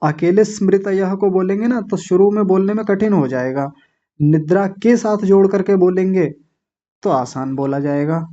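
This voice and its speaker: Patient man drilling pronunciation slowly. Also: high-pitched, dark tone, highs cut off. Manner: repeats words slowly, syllable by syllable, with corrective asides. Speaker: Sanskrit pronunciation teacher. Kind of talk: slow patient classroom instruction.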